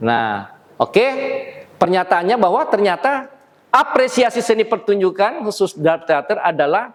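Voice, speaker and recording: A man teaching theater appreciation in a lecture room, lively and quick to laugh. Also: sits high. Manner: lively, acts out stage lines, laughs often. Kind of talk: classroom lecture. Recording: long hall reverb.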